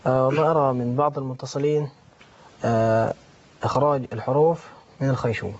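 A man's voice: medium pitch, fairly even intonation, quick pace, darkish tone, muffled recording. A man, a studio guest discussing recitation errors in a hesitant, agreeable way. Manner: hesitant, agreeable, many fillers.

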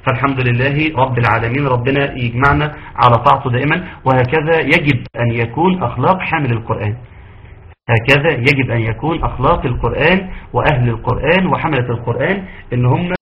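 An Egyptian man runs a quick-paced online tajweed lesson, firing questions at his students and praising their answers. His voice comes through dull, lo-fi call audio. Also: medium pitch. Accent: Egyptian Arabic. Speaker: Quran recitation teacher.

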